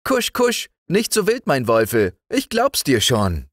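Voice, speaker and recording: A man's voice: medium pitch, slow, dry recording, studio quality, voice pushed up, heavily acted. A man voicing a brave, cheerful little village girl in a storybook reading. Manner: bright, lively, eager child voice.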